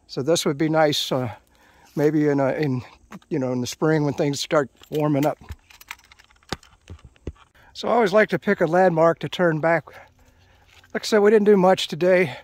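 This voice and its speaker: Middle-aged man, rambling trail vlogger, slightly higher voice, walking outdoors with the camera. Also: normal speed, pauses often, darkish tone. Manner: rambling, chatty, many fillers and restarts. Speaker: vlogger narrating a hike. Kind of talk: casual hiking commentary to camera. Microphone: handheld action camera, off-screen narrator.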